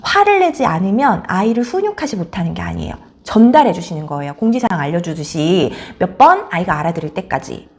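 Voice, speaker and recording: A woman giving a parenting lecture, explaining calmly and acting out examples vividly. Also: on the low side, fairly quick, hardly any pauses. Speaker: parenting expert.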